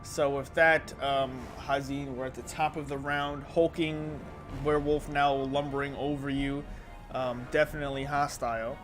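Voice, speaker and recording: A man's voice: mid-range voice, flat delivery, moderate pace. A man narrating and refereeing a tabletop role-playing game as game master, with playful, dramatic storytelling and casual language. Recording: music playing clearly behind the voice.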